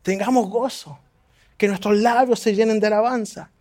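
High-voiced fervent male preacher. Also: steady tone, moderate pace, darkish tone. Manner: fervent, exhorting, climbs high on emphasis. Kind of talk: sermon.

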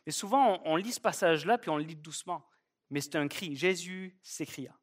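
A man's voice: fairly high pitch, expressive, a little fast. A man preaching a sermon at a church service, emphatic and fond of repeating key phrases. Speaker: pastor.

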